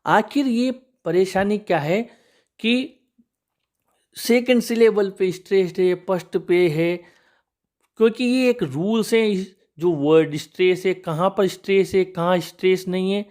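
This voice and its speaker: A man's voice: high voice, a little slow, a little mellow. A man teaching English spelling rules, patiently walking through one example after another and calling his viewers friends.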